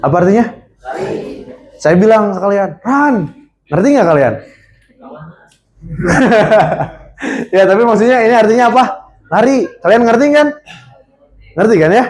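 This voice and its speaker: A young man teaching a college seminar class on a handheld mic, lively and constantly quizzing his audience. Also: sits high, moderate pace, long pauses. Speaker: seminar speaker. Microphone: handheld microphone.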